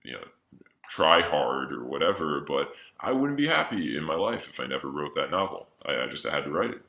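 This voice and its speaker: A man co-hosting a podcast, stumbling along with plenty of "uh" and "you know". His voice is extremely deep yet sharp and tense in tone. The sound carries a roomy echo. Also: big pitch swings, creaky. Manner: halting, many fillers. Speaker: podcast co-host. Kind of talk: casual podcast conversation.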